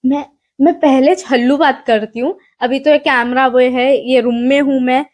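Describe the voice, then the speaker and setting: A woman's voice: sits high, fairly even intonation, moderate pace, darkish tone. A young woman vlogger with a Hyderabadi accent, telling a story in a casual, rambling way with lots of fillers, recorded on a mic in a small room. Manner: chatty, rambling, self-deprecating, many fillers.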